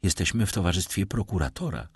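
A man voicing a quick-witted aristocratic wife with a brisk, teasing way of talking. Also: low voice, expressive, breathy edge, no room sound, clean studio sound, exaggerated voice. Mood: warning.

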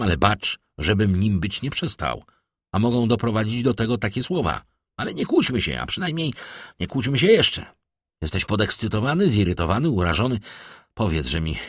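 A man's voice: fairly low pitch, very animated, normal speed, slightly rough, dry recording, clean studio sound. A man voicing a wry, easygoing newspaper editor in an audiobook, jovial and ironic. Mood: measured. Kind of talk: audiobook character voice.

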